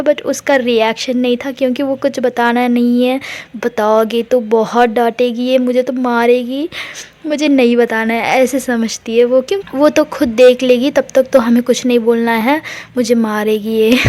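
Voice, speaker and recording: A woman's voice: fairly high pitch, darkish tone. A young woman telling a romance story in a casual, chatty way, with rambling asides and English words mixed in.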